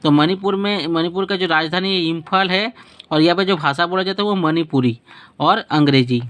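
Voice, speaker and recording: This male teacher's voice is high-pitched with a fairly bright tone while he delivers a spoken map lesson. His habits include answering his own questions, repeating words, and correcting slips mid-stream.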